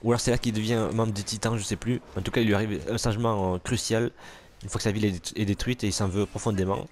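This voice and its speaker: A man's voice: on the low side, steady tone, fast, slight background noise. A man casually commentating a superhero video game, joking, swearing and talking back to enemies on screen. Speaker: gamer commentating gameplay. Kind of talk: let's play commentary.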